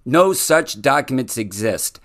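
A man's voice: mid-range voice, sing-song, a little slow, fairly bright tone. A man hosting his own solo podcast, talking earnestly in legal terms and often restarting his sentences. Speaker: podcast host.

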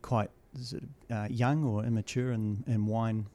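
A man with a New Zealand accent hosting a podcast interview, relaxed and hesitant, with many ums as he talks. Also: fairly low pitch, a little slow. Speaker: podcast host. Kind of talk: casual interview chat.

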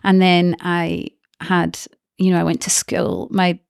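A woman's voice: fairly low pitch, level tone, slow, creaky, dry recording, clean studio sound. A woman with a Glaswegian Scottish accent, telling her personal story in a hesitant, reflective way in conversation. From Glasgow, Scotland. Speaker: interview guest.

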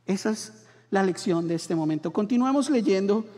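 A high-voiced Colombian man preaching a sermon from the pulpit, acting out the people in his stories. His voice carries a long reverb from the church hall around him. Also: normal speed. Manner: animated storytelling, acting out voices in quotes. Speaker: pastor.

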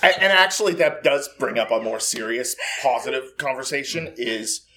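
A man in his thirties, a podcast cast member, telling animated stories and laughing often in a studio. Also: mid-range voice, normal speed, a little hiss or hum. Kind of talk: casual chat.

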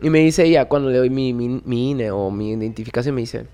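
A man in his twenties with a Mexican accent, a podcast guest telling a story in casual chat, animated, slangy and swearing often. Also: mid-range voice, fairly quick. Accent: Mexican Spanish. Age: 20s.

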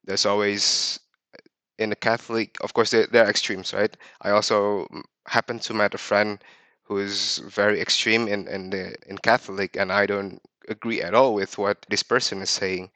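A man's voice: on the low side, little pitch movement, normal speed, bright, forceful tone, no room sound. A man in his thirties from Indonesia, telling personal stories as a podcast guest in a reflective way, often restarting his sentences. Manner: reflective, with frequent restarts and fillers. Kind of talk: personal storytelling.

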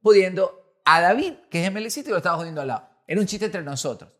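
High-voiced man telling stories. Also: fast. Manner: animated anecdote-telling with frequent restarts. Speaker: comedian and podcast guest. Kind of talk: casual storytelling chat.

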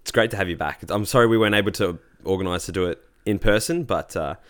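A man's voice: low-pitched, quick pace, no room sound, studio quality. An Australian man hosting a podcast, chatting casually as he interviews a guest. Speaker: podcast host.

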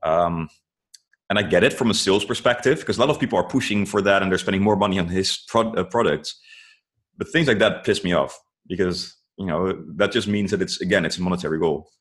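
A man's voice: deep voice, brisk. A man talking casually as an interview guest, earnestly giving advice and often saying "like" and "you know". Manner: says "like" and "you know" a lot.

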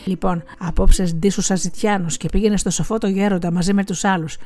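A woman's voice: mid-range voice, steady tone, mellow, natural voice. A woman voicing a poor, wise old woman who warns and scolds like a mother. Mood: urgent warning. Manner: urgent, warning, motherly.

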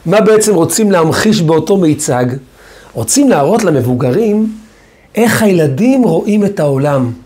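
A man's voice: high-pitched, expressive, a little mellow. A man as a rabbi telling a teaching story, leans on words by repeating them. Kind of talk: Torah lesson.

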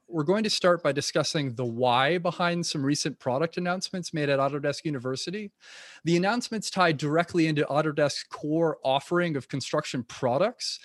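A man's voice: fairly high pitch, dry recording, clean studio sound. A man hosting a podcast interview, reading his introductions and asking questions in a friendly way, with a few restarts. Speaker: podcast host.

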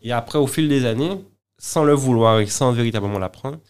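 A man's voice: mid-range voice, fairly quick, darkish tone, clear, resonant tone. A man speaking as an interview guest in casual conversation, often stumbling over and repeating words as he explains. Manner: hesitant, many repeated words and restarts.

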